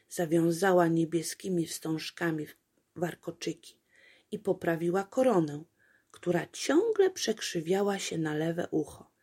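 Slow, husky woman reading a fairy tale. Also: lowish voice. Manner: slow, gentle storytelling cadence. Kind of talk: storybook reading aloud.

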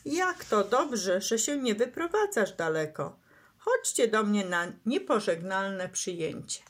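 A young turtle boy from a bedtime storybook, eager and easily flustered, as a female reader puts him on. He speaks high and breathless, with a voice that leaps around in pitch. The reading is slow and deliberate. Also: heavily acted. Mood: emotional. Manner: excited, breathless children's-story voice.

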